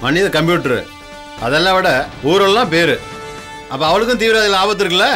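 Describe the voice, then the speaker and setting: A middle-aged police chief who speaks to his family with patient, teasing calm. His voice is bright and sits a little high. Soft music plays underneath. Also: a little fast. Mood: coaxing. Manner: patient, coaxing, gently teasing.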